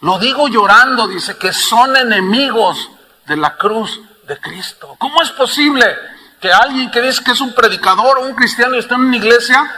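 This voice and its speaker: A man preaching a sermon to his congregation, impassioned and swinging from hushed tones to loud emphasis. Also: extremely high pitch, moderate pace. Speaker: pastor.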